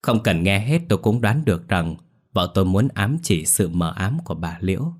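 A man narrating a ghost story in the first person with a tense, scripted delivery and a husky voice. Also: sits low, expressive, normal speed, darkish tone.

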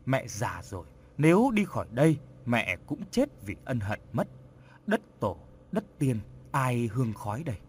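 A man's voice: medium pitch, sing-song, normal speed, darkish tone, a little hiss or hum, lightly acted. A man voicing a grieving old village grandmother who pleads and sobs, in a storybook reading. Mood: resigned, grieving. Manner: sobbing, pleading.

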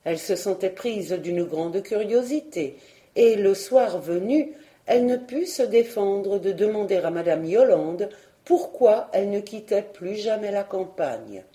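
Woman narrating a storybook, mellow tone. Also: mid-range voice, expressive, measured pace. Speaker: audiobook narrator. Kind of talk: scripted narration.

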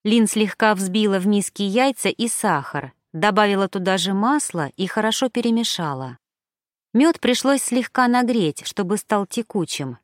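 A woman narrating an audiobook in a calm, even storytelling voice. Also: medium pitch, moderate pace, no echo, studio quality. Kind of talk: scripted narration.

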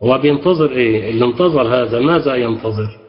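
A man's voice: medium pitch, fast. Patient Egyptian man teaching Arabic grammar. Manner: patient, prompting, approving. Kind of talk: interactive class with questions to students. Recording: echoey, dull lo-fi sound.

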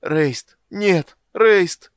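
A giant young warrior, badly wounded and desperate, shouting and pleading in raised, strained cries, as a male audiobook reader puts him on. The voice sits well above a man's usual pitch and sounds dry and close. Every line is a plea or a cry. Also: very slow, clean tone, no echo.

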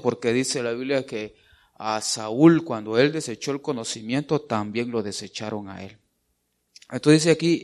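A man preaching a sermon in a conversational way, often calling the listener brother and checking in with tag questions. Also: mid-range voice.

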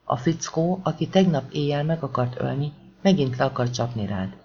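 A firm police lieutenant, terse and urgent, in a thriller audiobook, voiced by a male narrator. The voice is ordinary in pitch and a little muffled on a lo-fi recording. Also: animated, a little mellow, close to an everyday voice.

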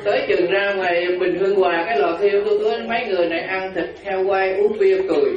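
A man's voice: sits high, steady tone, fast, a loud crowd, heavy background noise. A man, a Buddhist monk giving a humorous storytelling sermon and laughing as he goes. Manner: humorous, laughing while telling anecdotes. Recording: roomy, distant, dull hall recording with audience. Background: audience laughter.

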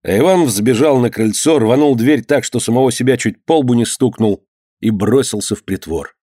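A man's voice: medium pitch, moderate pace, husky, no room sound, studio quality. A man narrating a historical novel in a storyteller's manner. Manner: expressive storytelling, acts out characters. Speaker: audiobook narrator.

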